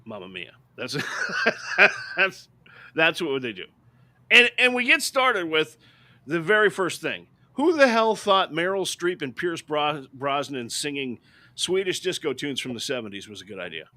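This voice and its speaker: Fairly high in pitch, his voice is sing-song, unhurried, and sharp. A middle-aged man co-hosting a podcast, he gives opinionated movie reviews in an emphatic, ranting style, often asking "right?".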